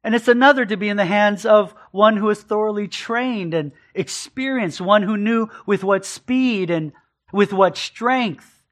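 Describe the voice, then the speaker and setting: A man with a notably high voice delivers an expository sermon from the pulpit. He speaks earnestly and emphatically, and he often repeats a phrase to drive a point home. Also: a little slow. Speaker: pastor.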